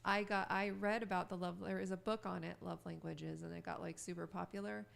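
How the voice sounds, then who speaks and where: A woman co-hosting a podcast in casual chat, rambling and giggly, with a strong vocal fry. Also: lowish voice, steady tone, a little fast. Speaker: podcast co-host.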